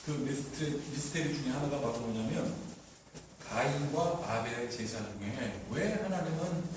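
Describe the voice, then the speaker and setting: Male pastor preaching, shouts then goes quiet, mic kinda far, faint noise behind. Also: medium pitch, lively intonation, moderate pace, heavy reverb. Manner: swings from shouting to hushed, acts out God's voice. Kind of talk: sermon. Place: church sanctuary.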